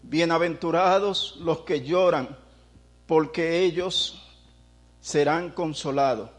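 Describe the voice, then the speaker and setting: With a slightly raised pitch and an unhurried pace, this male preacher delivers a passionate sermon that builds to loud prayers and asks the congregation rhetorical questions.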